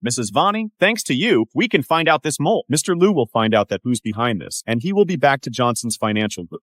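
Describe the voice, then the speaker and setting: A loyal, businesslike secretary who reports briskly. His mid-pitched voice moves lively up and down in a dry recording. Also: no room sound. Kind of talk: dubbed drama acting.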